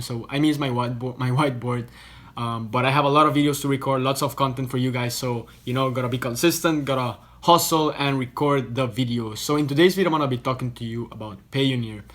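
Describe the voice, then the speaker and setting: A young man from Costa Rica, talking to camera from a hotel room. His explaining is loose and chatty, full of restarts and repeated words, with a voice sitting at an ordinary middle pitch. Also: steady tone, fairly quick, fairly bright tone. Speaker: online business vlogger.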